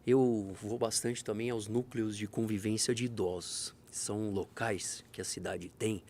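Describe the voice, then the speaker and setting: A man's voice: lowish voice, unhurried, slight background noise. A man who is a fire brigade major, being interviewed and telling emergency stories, acting out the dialogue vividly. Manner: animated storyteller, acts out dialogue. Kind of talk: conversational interview, storytelling.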